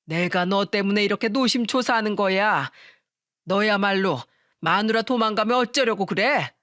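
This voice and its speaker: A woman's voice: mid-range voice, moderate pace, a bit bright, no echo, clean studio sound, natural voice. A woman voicing a suspicious, domineering older mother-in-law who scolds and accuses her daughter-in-law. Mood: accusing.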